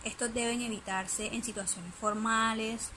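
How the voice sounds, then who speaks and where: A woman's voice: fairly high pitch, fairly even intonation, a little slow, pushed and bright, a little hiss or hum, rough recording. A woman giving a spoken lesson presentation, hesitant, with many fillers and restarts.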